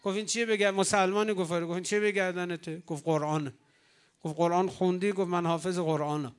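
A man's voice: high voice, fairly even intonation, smooth. A man preaching a religious sermon from the pulpit, emphatic and rising to exclamations, retelling old dialogues.

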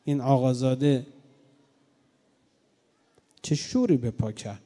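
A man preaching a mourning sermon, swinging between loud cries and low, grieving tones. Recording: long hall reverb.

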